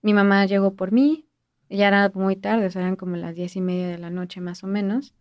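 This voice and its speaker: A woman with a Mexican accent recounting a personal ghost story, speaking softly and often trailing off into a quiet voice. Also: medium pitch, fairly even intonation, moderate pace, no room sound, studio quality. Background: music.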